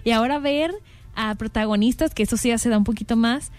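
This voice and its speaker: A woman's voice: fairly high pitch, fast talker, a little mellow, smooth, dry recording. A young woman with a Mexican accent, co-hosting a casual panel chat and thinking aloud with frequent fillers. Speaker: podcast co-host.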